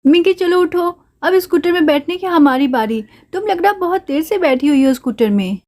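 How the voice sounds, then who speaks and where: A woman's voice: very high voice, animated, moderate pace, darkish tone. A woman voicing a friendly but bossy girl doll in a doll play story, talking in a chirpy way.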